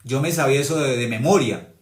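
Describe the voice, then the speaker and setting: A man's voice: mid-range voice, quick pace, reverberant. A man preaching a sermon, emphatic and repetitive, quoting scripture at length. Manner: emphatic, repeats phrases, quotes scripture at length.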